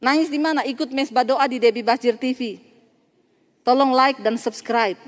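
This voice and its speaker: A woman pastor preaches to her congregation in a lively storytelling way, dropping quoted voices and laughs into her points. Her voice sits high and bright above the others. Long reverb trails each phrase, as in a large church hall. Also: normal speed. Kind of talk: sermon.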